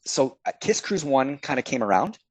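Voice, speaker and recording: A man's voice: medium pitch, sing-song, normal speed, breathy edge, no echo. Chatty man telling stories. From Canada. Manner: chatty, acts out his own past remarks. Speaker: podcast guest. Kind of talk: casual storytelling.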